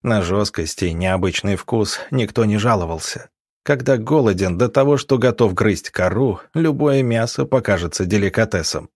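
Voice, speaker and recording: Low-voiced male audiobook narrator. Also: expressive, normal speed, darkish tone, no room sound, studio quality.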